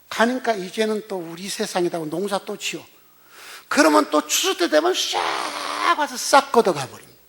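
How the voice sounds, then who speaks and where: A man's voice: high voice, vocal fry, a bit bright. An older man preaching a sermon as a senior pastor, telling the story in a blunt, colloquial way and throwing rhetorical questions at the congregation.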